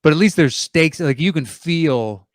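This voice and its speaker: A man's voice: on the high side, a little slow, dry recording, studio quality. Laid-back man swearing in casual chat. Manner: relaxed, swears casually, reads listener questions aloud. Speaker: podcast co-host.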